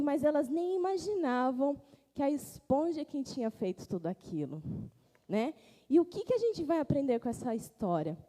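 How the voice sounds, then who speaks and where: A woman, telling an animated story to children as their teacher in a church. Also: sits high. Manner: animated, pointing things out. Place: church hall. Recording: echoey church hall.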